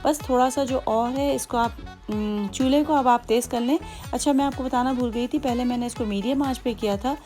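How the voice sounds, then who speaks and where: A Hyderabadi-accented woman hosts a home cooking tutorial, her voice a touch high and mellow. She talks in a chatty, patient way, explaining each step with many asides. Soft music plays faintly behind her. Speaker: cooking channel host.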